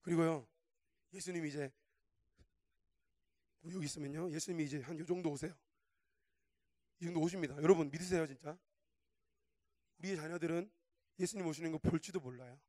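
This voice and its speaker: A man preaching a sermon as a guest speaker, chatty and colloquial, swinging from hushed asides to fervent shouts. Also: a little high, a little fast, pauses often, no room sound. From Korea.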